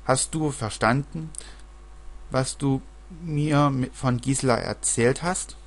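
A man reading the lines of a touchy little girl who shouts and quarrels. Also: mid-range voice, slow pace. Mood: indignant. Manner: indignant, loud.

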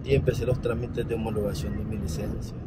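A man in his thirties with a Nicaraguan accent, a ride-hailing driver telling his story in an interview while driving, with lively storytelling full of hesitations. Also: on the low side, quick pace. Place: inside a car at night. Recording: loud car and street noise.

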